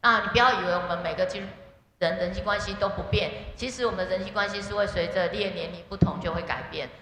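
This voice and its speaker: A middle-aged woman with a Taiwanese Mandarin accent, switching into Taiwanese Hokkien, giving a lively, conversational talk with anecdotes as a guest speaker at a church service. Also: medium pitch, quick pace. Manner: lively storyteller who acts out quoted voices. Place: church sanctuary. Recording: echoey hall with faint background noise.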